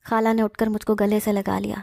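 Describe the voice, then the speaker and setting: A woman narrating a first-person horror story in a steady storytelling manner. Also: mid-range voice, creaky, no room sound, clean studio sound.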